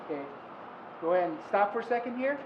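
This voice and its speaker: A man's voice: high-pitched, animated, fast, reverberant. A man giving an instructional rope-gear demonstration in short, clipped, commanding cues as an instructor. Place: open steel training tower, outdoors. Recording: distant muffled mic, clear outdoor noise.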